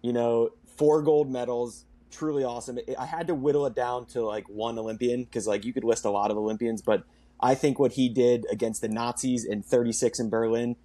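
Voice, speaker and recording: A young man co-hosting a casual sports podcast, easygoing and quick to laugh. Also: mid-range voice, fairly even intonation, warm tone. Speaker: podcast co-host.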